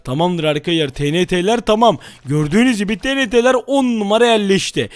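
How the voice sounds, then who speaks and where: A man with a very high voice blusters and shouts through a game role-play, then turns to chat with his viewers. He is recorded close and dry with no room sound. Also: a little fast, no echo. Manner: shouty, blustering when acting angry; chummy asides to viewers. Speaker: gaming YouTuber. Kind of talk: Minecraft role-play with commentary.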